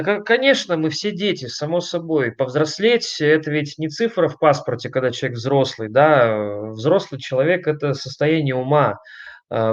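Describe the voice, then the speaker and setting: A man at a middle pitch leads an online lecture, emphatic and conversational. He often turns to his listeners with rhetorical questions and stumbles on fillers between points. The recording sounds dull and lo-fi. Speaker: lecturer on family communication.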